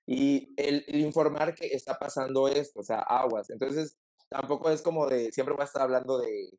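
Man, Mexican Spanish accent, casual interview guest, rambling storyteller, medium pitch. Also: normal speed, darkish tone, low-quality recording. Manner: chatty storyteller with lots of fillers. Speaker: TikToker and wedding planner guest.

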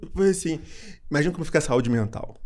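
Animated young man telling a story. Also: fairly high pitch, very fast. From Brazil. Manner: animated, laughs often, repeats phrases while telling a story. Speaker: podcast guest, psychiatrist. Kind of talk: casual storytelling in an interview.

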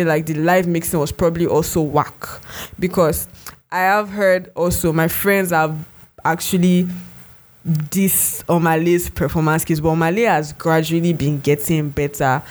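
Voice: mid-range voice, steady tone, moderate pace. A podcast co-host, chatting casually and rambling with many fillers and restarts. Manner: rambling, heavy use of "like" and restarts.

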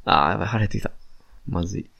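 A man's voice: low-pitched, rapid-fire, creaky, pushed and bright, husky. A young man with a Kansai accent, co-hosting a casual podcast chat and rambling with fillers. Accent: Kansai Japanese. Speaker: podcast co-host.

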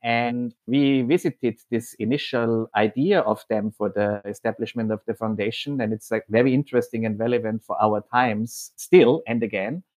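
A man from Austria, head of programs at a foundation, speaking in a measured, explanatory way with occasional hesitations. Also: mid-range voice, a little mellow. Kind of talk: podcast interview monologue.

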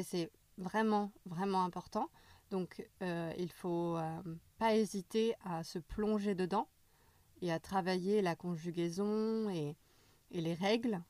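A woman's voice: mid-range voice, a little mellow, no room sound. A woman in casual conversation, sharing advice on learning languages, speaking hesitantly with frequent fillers and restarts. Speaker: language learning chat partner.

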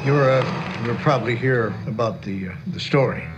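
A man's voice: medium pitch, normal speed, close to an everyday voice. A man playing a chatty, awkward Christmas elf storyteller in a film, hesitant and rambling, in a dull recording over music. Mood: friendly, hesitant.

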